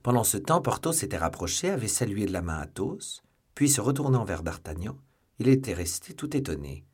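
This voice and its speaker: A man's voice: lowish voice, very animated, brisk, a little mellow, husky. A man narrating a classic novel as an audiobook, reading steadily. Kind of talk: scripted narration.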